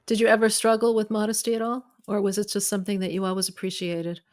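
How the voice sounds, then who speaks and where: A woman's voice: medium pitch, flat delivery, fast. Attentive woman interviewer. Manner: attentive, frequent soft backchannels. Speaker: podcast interviewer.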